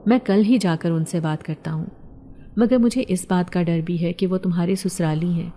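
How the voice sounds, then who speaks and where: A woman's voice: on the low side, dark tone, lightly acted. A woman voicing a worried, protective middle-aged father who speaks earnestly, read in a storybook style. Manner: earnest, concerned and reasoning. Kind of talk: storybook narration.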